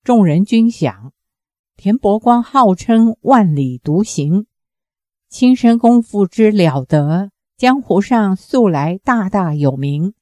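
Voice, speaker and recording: A woman narrates a novel at a slow, deliberate pace in an even, measured storytelling voice. Her tone is mellow and dark rather than bright. The recording is close and dry, with no room sound. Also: mid-range voice, dry recording. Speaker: audiobook narrator. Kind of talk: novel reading, steady narration.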